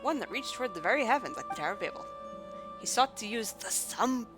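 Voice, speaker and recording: Voicing an ancient guardian woman in a fantasy game, a woman tells of long-past tragedy in grave, formal words. She sounds fairly high-pitched, animated and natural, talking fast with music playing behind her.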